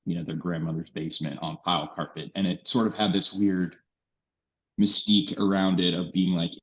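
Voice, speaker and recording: Deep-voiced guy on a call, audio all glitchy and cutting out, staticky, dull lo-fi line. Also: steady tone, fairly bright tone. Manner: loose, halting, searching for words. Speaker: artist guest. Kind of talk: casual interview chat. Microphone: remote call.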